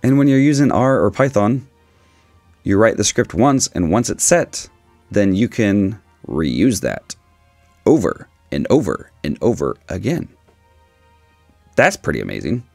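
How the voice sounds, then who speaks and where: A man in his forties with a raspy voice, giving a casual, opinionated explainer with dry humour. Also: on the low side, sing-song, a little slow, long pauses, darkish tone, no room sound, soft background music. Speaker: video host, statistics teacher. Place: small dim indoor room, seated.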